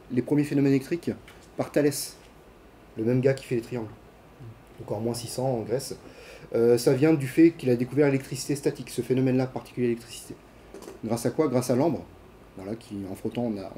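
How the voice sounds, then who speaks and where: A university lecturer with a warm, mid-range voice gives a casual lecture in a lecture hall, full of fillers, restarts and questions to his students. There is slight background noise.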